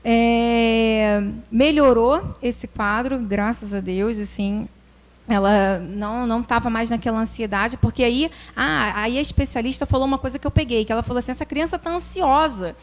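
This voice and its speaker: A woman, a preschool teacher, telling a personal classroom story in an animated way, acting out quoted voices and using religious phrasing. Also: a little high, normal speed. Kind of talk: personal testimony talk.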